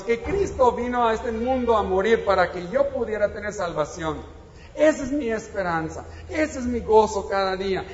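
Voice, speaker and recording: A man preaching a sermon in a conversational way, now and then rising to emphatic exclamations. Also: sits high. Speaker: pastor. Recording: echoey hall, dull lo-fi sound, faint noise.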